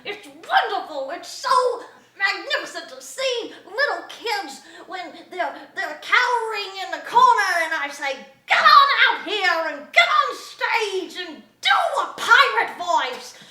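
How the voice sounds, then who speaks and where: A woman's voice: very high voice, big pitch swings, slow pace, bright, forceful tone, far from the mic, heavily acted. A woman performing an improv scene as a chirpy, gushing woman who teaches children. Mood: giddy. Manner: bubbly, giggly, gushing. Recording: echoey stage from afar.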